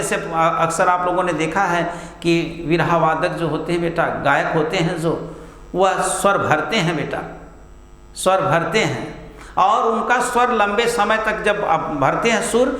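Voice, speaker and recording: A man's voice: high-pitched, a bit bright. A male teacher giving a classroom grammar lesson, calling the students "beta" and asking and answering his own questions. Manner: stretches vowels long to demonstrate. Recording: echoey room with mains hum.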